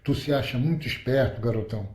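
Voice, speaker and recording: Brief: sneering spiteful man read by a male narrator, dark tone, roomy echo. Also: mid-range voice, fast, close to an everyday voice. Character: spiteful scornful man, former trainer. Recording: roomy echoey recording.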